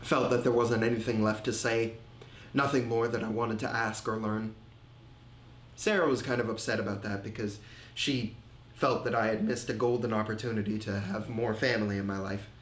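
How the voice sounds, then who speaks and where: An actor playing a grieving man who speaks haltingly, repeating words and trailing off, in a film monologue. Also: fairly low pitch, fairly even intonation, a little hiss or hum, lightly acted. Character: grieving middle-aged man, haunted, hesitant. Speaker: man recounting family tragedy. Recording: roomy echo with faint ambience.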